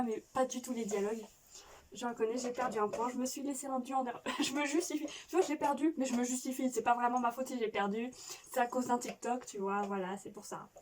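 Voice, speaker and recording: A woman YouTuber chats casually while playing a quiz game, rambling, justifying herself and restarting sentences often. Her voice is a little high with a darkish tone. She sounds a bit distant from the mic, with faint noise.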